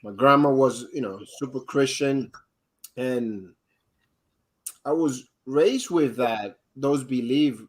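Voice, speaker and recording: A man from the Dominican Republic, a guest on a live interview, telling his own story in a halting way with many restarts and fillers. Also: mid-range voice, low-quality recording. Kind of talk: candid personal storytelling.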